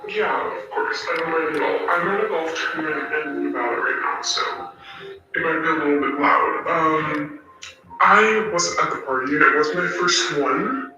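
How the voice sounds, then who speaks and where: Woman with a disguised deep voice. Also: normal speed. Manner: hesitant, many ums and likes. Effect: voice altered to sound deeper and masculine. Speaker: anonymous witness. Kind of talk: recorded statement. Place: at a golf tournament. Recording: echoey, distant, muffled audio with faint music.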